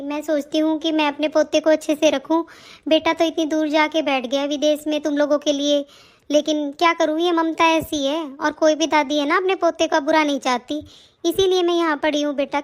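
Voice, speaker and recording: A woman's voice: high-pitched, natural voice. A woman playing a self-pitying older mother-in-law and grandmother who complains and moralizes in a plaintive way. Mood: doting, sorrowful. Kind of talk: hobby family-drama acting.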